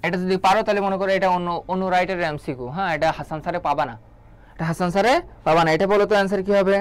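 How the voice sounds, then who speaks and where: Speaking in a high, clear, resonant tone, a man from Bangladesh teaches biology exam prep online. He fires questions at students and drills key terms through quick repetition.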